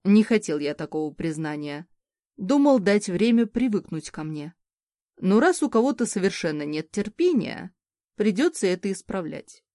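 A woman voicing a male mage husband who speaks softly and calmly, with gentle teasing. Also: mid-range voice, dry recording, studio quality, close to an everyday voice. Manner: soft, calm and measured.

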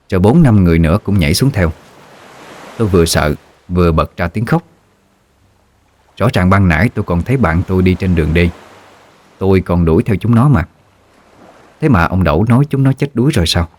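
A man narrating a ghost story in a measured storytelling voice. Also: deep voice, animated, darkish tone.

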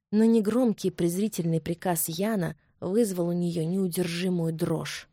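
A woman narrating a romance novel as an audiobook, in an expressive, dramatic reading. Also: fairly low pitch, no room sound, clean studio sound.

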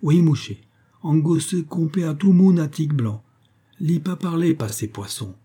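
A man's voice: medium pitch, measured pace, husky. A man voicing a grateful, cheerful male forest guide who speaks broken pidgin in an audiobook. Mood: joyful. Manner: pidgin speech, eager and excited.

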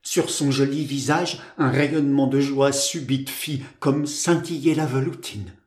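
Audiobook narrator: man, measured and literary, in a roomy echo. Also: mid-range voice, fairly even intonation, darkish tone. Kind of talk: scripted narration.

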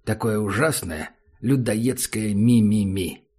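A man doing a slow, mocking skinhead. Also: lowish voice, mellow, husky, heavily acted. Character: sardonic skinhead survivor man.

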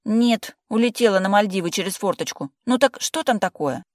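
A reader voicing a nervous young woman stuck behind her door, anxious and quick to snap back. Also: mid-range voice, expressive, no echo, clean studio sound, pitched above the performer's own voice, close to an everyday voice. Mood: irritated. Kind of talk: audiobook character voice.

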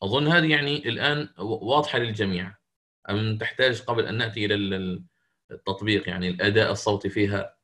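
Man explaining recitation rules, with pauses. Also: on the low side, sharp tone. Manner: explanatory, pausing often with drawn-out fillers; demonstrates recitation slowly and melodiously. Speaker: Quran recitation teacher. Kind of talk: recorded lesson on recitation rules.

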